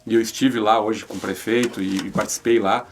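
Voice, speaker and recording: Speaking for a regional newspaper as an interview guest, this man from Rio Grande do Sul has a southern Brazilian accent and replies in a conversational way. He repeats words and keeps adding small tags to seek agreement. His low, steady voice moves fairly quickly, with slight background noise.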